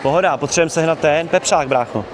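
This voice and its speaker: A young man with a Czech accent streaming live in a shopping mall, joking around with fans in slangy, upbeat casual talk. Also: fairly high pitch. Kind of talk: casual IRL livestream chat with fans. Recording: crowd and noise of a busy mall.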